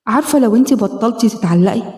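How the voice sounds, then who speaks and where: A woman's voice: fairly high pitch, expressive, quick pace, mellow, slight background noise. A woman with an Egyptian Arabic accent, giving a self-help talk in a direct, coaxing, repetitive way and guiding a healing exercise. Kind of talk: motivational talk and guided exercise. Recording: echoey room with long reverb.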